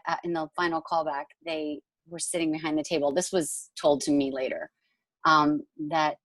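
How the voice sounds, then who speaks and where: A woman's voice: deep voice, no echo, rough recording. A woman in her forties, a musical theatre actress, chatting casually over a video call and rambling with lots of fillers. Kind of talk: casual Q&A chat.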